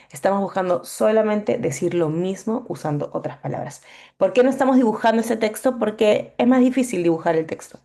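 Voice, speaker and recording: Young woman, Bible workshop teacher; lowish voice with some vocal fry, patient and explanatory, often checks in with the class. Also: mellow. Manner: patient, explanatory, with frequent fillers and checks for understanding.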